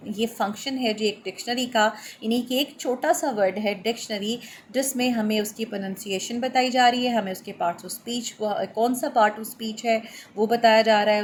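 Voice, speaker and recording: A middle-aged woman, explaining a lesson in a measured way, with many fillers and English terms. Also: medium pitch, a little hiss or hum. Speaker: lecturer. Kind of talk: explanatory lecture.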